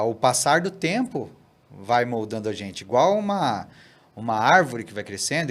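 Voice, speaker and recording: A man, a pastor guesting on a podcast, telling a story in an animated way and often tagging "né?" and "cara". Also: medium pitch. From Brazil. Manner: animated, tags sentences with "né?" and "cara". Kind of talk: casual storytelling in a podcast interview.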